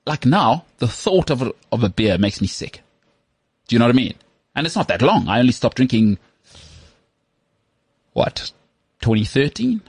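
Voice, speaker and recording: A man's voice: medium pitch, sing-song, normal speed, long pauses, a little mellow, slightly rough, no room sound. A man in his thirties hosting a casual chat, rambling and self-mocking with lots of restarts. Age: 30s. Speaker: podcast host.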